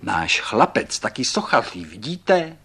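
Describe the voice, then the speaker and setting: A man's voice: husky, full character voice. A man reading aloud who voices a small, boastful older man, exclaiming eagerly in a storybook reading. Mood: gleeful. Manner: exclaiming, high and excited. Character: tiny cheerful older man, boastful and excitable.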